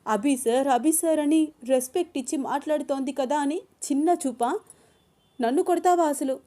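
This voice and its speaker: Anu is a young woman, hurt and defiant, her voice set high and strained. Her tearful replies turn into loud, angry shouting. A woman narrator voices her in an audio story. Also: fairly even intonation, fairly quick, close to an everyday voice. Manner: tearful then shouting angrily.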